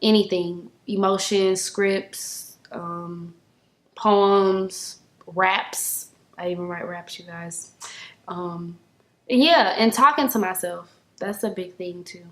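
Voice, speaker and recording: Young woman, casual vlog storytelling, animated, slangy, echoey room. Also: slow pace. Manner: animated, slangy, acts out quotes in high voices. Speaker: vlogger.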